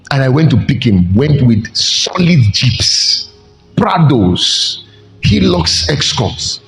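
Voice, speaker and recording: A man preaching a sermon as pastor, with animated delivery, sudden jumps in pitch and slow emphatic stretches. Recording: echoey hall with faint music.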